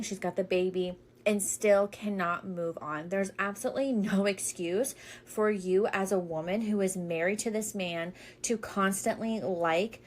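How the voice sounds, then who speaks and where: A woman's voice: medium pitch, slight background noise. A woman giving casual opinion commentary in a catty, scolding and emphatic way.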